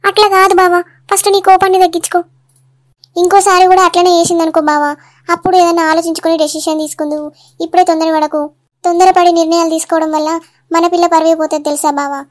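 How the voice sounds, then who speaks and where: A woman voicing a young wife in a cartoon, sharp and easily hurt, with a sulky manner. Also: little pitch movement. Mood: pleading. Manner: chipmunk-high cartoon voice, rapid and sulky.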